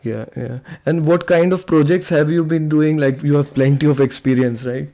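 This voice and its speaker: A young man hosting an online robotics meetup, talking casually and relaxed, with frequent "like" and "uh". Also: on the high side, normal speed. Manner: relaxed, uses "like" and "uh" often. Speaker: meetup host and presenter. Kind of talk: casual online meeting discussion. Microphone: computer mic on a video call.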